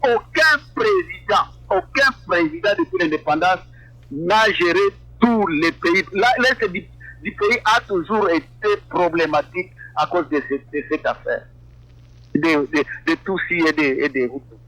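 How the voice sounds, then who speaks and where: A man from eastern Congo talks in an animated interview, his high voice leaping up and down as he presses each point and repeats words for emphasis. The tone is bright and pointed. The sound is thin, as if over a phone line. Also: a little slow, dry recording. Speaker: interview guest. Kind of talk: political interview, casual.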